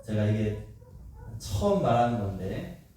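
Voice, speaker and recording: Animated male pastor in an echoey sanctuary. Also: fairly low pitch, unhurried, recorded from a distance, a little hiss or hum. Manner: animated, acts out quoted voices, asks the congregation questions. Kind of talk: sermon. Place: church sanctuary. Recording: echoey church hall, speaker away from the mic.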